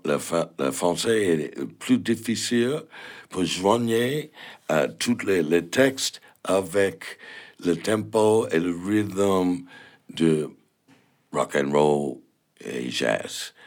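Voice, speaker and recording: Very deep gravelly man, English accent. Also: big pitch swings. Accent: English-speaking. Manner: halting, searching for words, many fillers. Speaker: interviewee. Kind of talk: casual interview answer.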